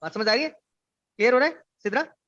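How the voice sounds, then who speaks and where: A man's voice: very high voice, fairly quick, sharp tone. A man giving an online orientation lecture, explaining ideas through examples and asking students questions. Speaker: instructor. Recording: dull lo-fi online class audio.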